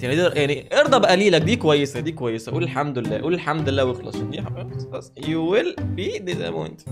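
A young man with an Egyptian Arabic accent, joking his way through follower questions in a casual vlog, with music playing behind him. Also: a little high. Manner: joking, rapid-fire banter, reading questions aloud. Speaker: YouTuber answering follower questions. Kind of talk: casual comedic vlog chat.

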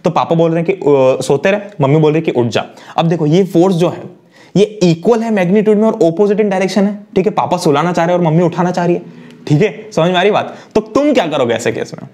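A young male teacher with a slightly high voice delivers an energetic one-shot lecture. He talks fast and chats with his students, firing questions at them. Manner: lively, chatty, asks students questions.

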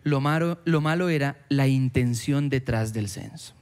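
A man preaching a sermon in a church, lively and animated, slipping into quoted voices and dialogue with sudden jumps in pitch. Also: normal speed, clean tone.

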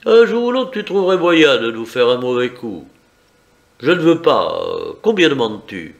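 A man voicing a suave, mocking gentleman thief in a teasing, confident way. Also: medium pitch, big pitch swings, normal speed, dull audio. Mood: bargaining.

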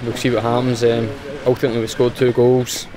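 A man's voice: mid-range voice, completely flat delivery, a little fast, crowd noise. A young man with a Scottish accent, a footballer giving a plain, matter-of-fact post-match interview outdoors with frequent fillers. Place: outdoors in front of a sponsor board.

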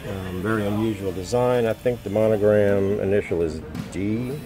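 Crowd noise from a busy show floor surrounds a lowish-voiced American antiques dealer as he strolls past his wares on a phone recording. Calm and matter-of-fact, he moves slowly from item to item quoting prices, stopping regularly with ums.

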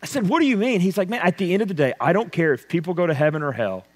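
A man preaching a sermon, swinging between loud emphasis and hushed intensity. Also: high-pitched, lively intonation, racing. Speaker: pastor. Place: church sanctuary. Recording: long church reverb.

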